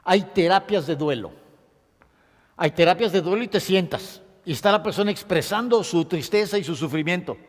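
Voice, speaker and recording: A man lectures in a voice pitched higher than most men's. He teaches expressively and pauses to dictate key points. His voice carries the long reverb of a hall. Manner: expressive, acts out sobs and dictates points to note. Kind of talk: classroom lecture on grief.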